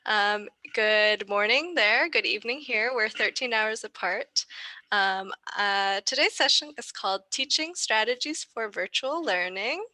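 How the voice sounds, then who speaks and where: A woman's voice: mid-range voice, unhurried, pushed and bright, no room sound. A young American woman giving a friendly online lecture, often asking the class questions over a video call. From United States.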